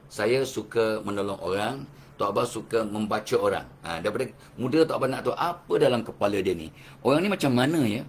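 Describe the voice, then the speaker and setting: A man's voice: lowish voice, fairly bright tone, slight background noise. An older man with a Malaysian Malay accent, giving a religious motivational lecture full of rhetorical questions and chuckles. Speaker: motivational speaker.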